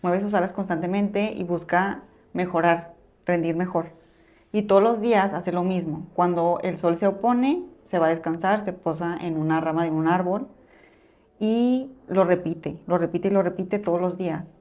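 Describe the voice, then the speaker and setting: Woman, podcast host, conversational storytelling, lowish pitch. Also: moderate pace, dark tone.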